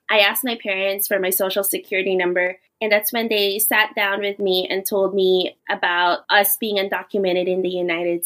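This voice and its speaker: Speaking at medium pitch with a fairly bright tone, a young woman from the Philippines shares her story earnestly in a podcast interview. She is the guest, working as a teacher while pursuing a doctorate.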